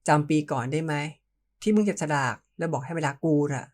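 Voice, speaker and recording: Confident young lover for an audio novel, voiced plainly by the reader, teasing and coaxing. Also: male voice, a little high, brisk, close to an everyday voice. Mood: confessing.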